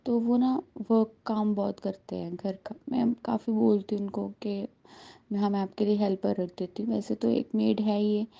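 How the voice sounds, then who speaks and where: A woman's voice: medium pitch, creaky, warm tone. A woman in her thirties giving an earnest, heartfelt devotional testimony to a congregation. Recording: dull lo-fi recording.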